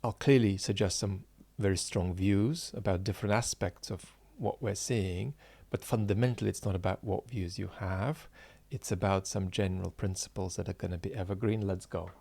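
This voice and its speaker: A political philosopher in his forties talks unscripted to viewers of his own channel, searching for words through many fillers and restarts while earnestly stressing key points. His voice sits low and is gravelly and a little mellow, with a steady tone, on a dry recording.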